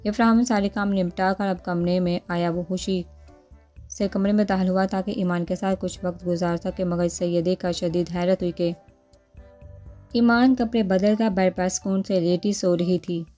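Woman narrator, steady novel read-aloud, low pitch, soft music bed. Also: normal speed. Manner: steady, descriptive. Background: faint background music.

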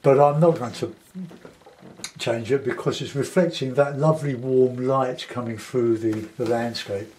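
A man in his sixties with a South London accent, giving an unhurried, casual commentary as he demonstrates painting, pausing and half talking to himself. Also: medium pitch, fairly even intonation, darkish tone, slight background noise, rough recording. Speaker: painting tutor. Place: small cluttered home studio, indoors.

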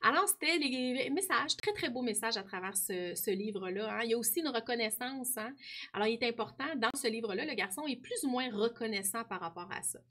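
A woman's voice: a little high, lively intonation, brisk. A woman teacher explaining a book to her pupils, often adding a questioning tag. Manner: warm explaining, frequent tag "hein". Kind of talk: classroom lesson talking to students.

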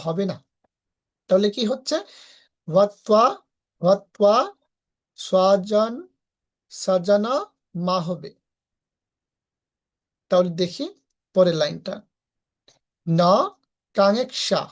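Bangladeshi woman, recitation teacher, very slow and deliberate, syllable by syllable. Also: mid-range voice, darkish tone. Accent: Bangladeshi Bengali. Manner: slow, careful, breaks verses into syllables and chants them. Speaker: Sanskrit pronunciation teacher. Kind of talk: live online class, syllable-by-syllable recitation teaching.

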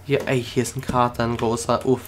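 A man giving casual let's-play commentary, chatting excitedly to viewers, making little mouth sound effects and switching between shouts and whispers. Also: medium pitch, fairly quick, noisy background. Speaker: gaming video creator. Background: background music.

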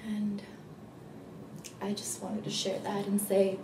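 Woman acting a remorseful young female recovering addict, halting confessional monologue, roomy echo, noisy background. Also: medium pitch, completely flat delivery. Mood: resolute, tender. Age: young adult. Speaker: actor performing a monologue. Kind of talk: dramatic monologue, naturalistic acting. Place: small plain room indoors. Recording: echoey, noisy room, distant mic.

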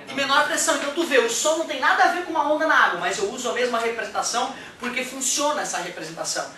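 A man from Brazil, giving a lively, joking physics lecture in a classroom and acting out examples. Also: extremely high pitch, racing. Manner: animated and joking, acts out examples. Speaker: physics teacher. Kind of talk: exam-prep physics lecture. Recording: echoey room, mic at a distance.

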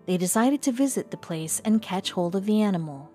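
A woman reading a scripted documentary narration in an even, measured way. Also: mid-range voice. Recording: voice-over with faint music behind.

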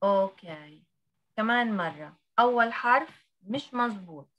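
A woman's voice: mid-range voice, animated, unhurried, fairly bright tone. A woman, teaching English pronunciation on a video call and drilling letter by letter. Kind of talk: online class teaching.

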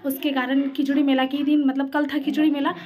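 A woman's voice: high voice, level tone, fast, warm tone. A young woman chatting casually to her phone as she films a family trip, playful and teasing. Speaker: vlogger. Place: outdoors at a busy fair. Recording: crowd noise behind. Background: crowd and traffic.

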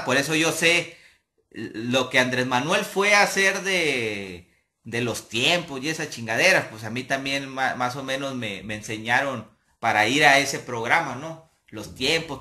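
A young Mexican man casually telling a profane anecdote, talking in an animated way and laughing along as he goes. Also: mid-range voice. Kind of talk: casual storytelling.

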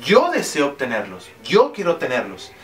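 A man's voice: medium pitch, huge pitch swings, normal speed, a bit bright, far from the mic, soft background music. A man voicing a king who is eager for the books but haggles over their price. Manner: pleading, haggling.

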